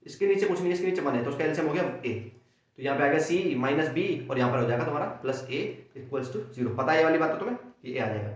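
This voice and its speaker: A young Indian maths teacher with a sore throat races through a fast Hindi exam-prep lesson, full of energy and playing both his students' questions and the answers himself. His voice sits a little high with lively intonation, echoing around a very reverberant room on a dull, lo-fi recording.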